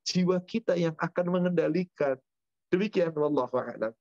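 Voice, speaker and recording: A man's voice: a little high, moderate pace, vocal fry, a little mellow, no room sound. A man teaching at a religious study session, answering questions with rhetorical questions and spoken lists. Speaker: Islamic teacher. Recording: dull dry lo-fi sound.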